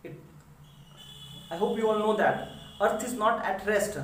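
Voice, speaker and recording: A woman's voice: mid-range voice, unhurried, recorded from a distance, a little hiss or hum. Woman teacher in an echoey room. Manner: explains step by step, checks understanding with questions. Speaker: physics teacher. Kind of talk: recorded online lecture.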